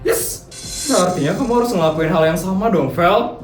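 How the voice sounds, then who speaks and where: A woman's voice: lowish voice, lively intonation, normal speed, roomy sound, soft background music, lightly acted. A woman voicing a nosy, teasing schoolgirl sidekick in a cartoon. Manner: teasing, chatty.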